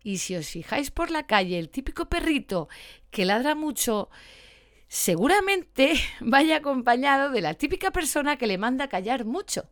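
Woman dog trainer, casual teaching talk, animated delivery, dry close recording. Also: sits high, normal speed, no room sound. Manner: lively, animated, acts out short quoted lines.

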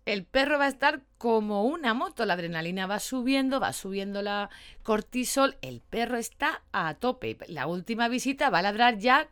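Chatty woman host, dog trainer explaining things casually. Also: medium pitch. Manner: chatty, animated, calls herself talkative. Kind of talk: casual podcast talk.

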